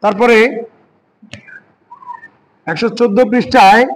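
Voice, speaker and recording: A man teaching Quran reading, spelling out letters and vowel marks slowly and asking the learner rhetorical questions. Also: sits high, rough recording. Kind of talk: step-by-step reading lesson.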